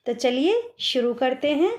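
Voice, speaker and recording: A woman teaching an online class to children, patient and direct, drawing out each word slowly as she reads it. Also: sits high, animated, darkish tone. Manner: slow, drawn-out word dictation.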